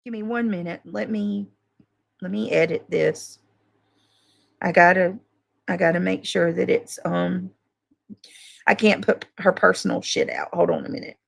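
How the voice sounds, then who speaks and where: In a clean studio recording with no room sound, a woman hosts a casual, unscripted livestream for her subscribers and moderators. She talks a little slowly in a lowish, gravelly voice with fairly even intonation and frequent pauses. Her manner is coarse and full of swearing, and she comes across as defensive, emphatic and exasperated.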